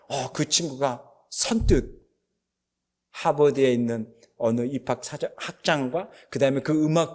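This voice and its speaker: A male pastor preaching a sermon, retelling a film's story in a conversational way with frequent fillers. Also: mid-range voice.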